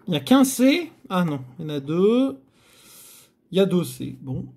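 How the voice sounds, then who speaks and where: A man's voice: high-pitched, very animated, moderate pace, a little mellow. A man hosting a scratch-card video, giving chatty, theatrical commentary to his viewers as he scratches. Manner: chatty, theatrical, addresses viewers, frequent groans. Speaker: host.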